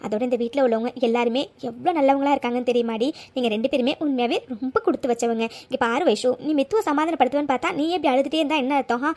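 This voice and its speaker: A woman voicing a loving middle-aged mother in a cartoon story, coaxing and gently scolding her daughters. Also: high voice, fairly even intonation, rapid-fire, few pauses, lightly acted. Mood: tender. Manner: soothing, coaxing with "ha?" tags.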